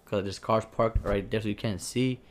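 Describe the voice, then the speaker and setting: A man's voice: lowish voice, normal speed. A man on a casual podcast, telling a story with acted-out quotes and frequent laughter. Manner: animated storytelling, acts out quotes, laughs often. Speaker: podcast co-host. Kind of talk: casual chat.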